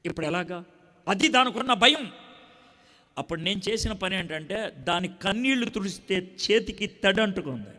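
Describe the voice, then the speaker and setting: A man's voice: sits high, animated, normal speed. Impassioned preacher man in echoing hall. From India. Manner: impassioned, swings from loud outbursts to hushed pleading. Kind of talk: sermon. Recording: long hall reverb.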